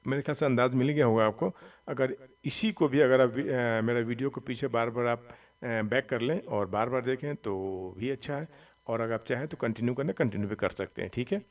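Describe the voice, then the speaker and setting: A man teaching Quran reading, spelling out letters slowly and loudly and then explaining quickly and softly, often checking "theek hai?". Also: medium pitch, distant mic. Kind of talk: slow step-by-step recitation lesson.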